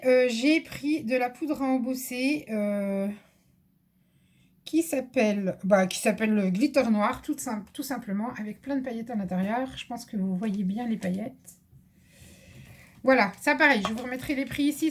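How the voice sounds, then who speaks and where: High-voiced chatty woman showing craft buys. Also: normal speed. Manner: chatty, hesitant with many fillers, addresses viewers and an assistant. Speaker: craft vlogger. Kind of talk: casual haul video chat.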